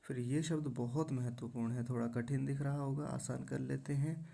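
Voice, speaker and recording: A man teaching pronunciation, who breaks each word into syllables and repeats it slowly to demonstrate. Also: mid-range voice, little pitch movement, creaky, warm tone. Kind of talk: recitation lesson.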